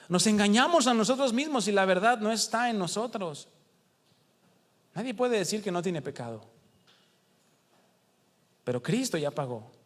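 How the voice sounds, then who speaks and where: A Mexican man with a Mexican Spanish accent delivers a sermon in a house of prayer, his voice high for a man and a bit bright. He speaks conversationally, puts rhetorical questions to the congregation and acts out the quotes he reads, all under the hall's long reverb.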